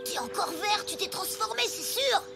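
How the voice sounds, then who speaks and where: A woman voicing an earnest, fussing cartoon schoolkid over loud music. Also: extremely high pitch, expressive, normal speed, vocal fry, full character voice. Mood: worried. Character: eager cartoon schoolkid friend, earnest and worried. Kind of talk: cartoon voice acting. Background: loud background music.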